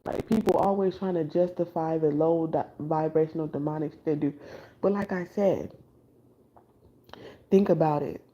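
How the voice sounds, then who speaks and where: A woman's voice: sits low, moderate pace, long pauses, dark tone, highs cut off. A woman who reads tarot, talking in a late-night spiritual monologue after staying up all night, loose and blunt, with restarts and casual swearing. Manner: loose, conversational, with filler words and frequent restarts. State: up all night without sleep. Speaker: tarot reader.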